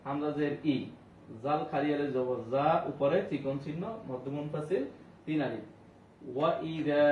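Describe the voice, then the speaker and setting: A man teaching Quran reading, spelling out each word letter by letter and slowly chanting the verses. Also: fairly high pitch. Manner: slow, repetitive drilling with melodic recited verses. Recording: roomy, dull distant sound with faint hiss.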